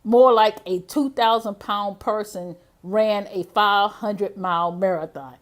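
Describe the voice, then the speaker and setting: A woman telling a personal story to camera in an excited, gushing way, laughing often and exclaiming as she goes. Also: mid-range voice, measured pace. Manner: gushing, breathless enthusiasm, laughs often, repeats "oh my gosh". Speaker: vlogger sharing a personal testimonial.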